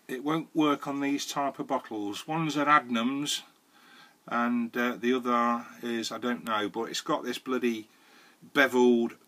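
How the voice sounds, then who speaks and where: Here the sixty-something vlogger's medium-pitched voice has a sharp edge. Filmed close on an action camera in his wooden garden shed, he gives a casual, rambling product review in a Northern English accent, joking, using fillers and the odd mild swear word.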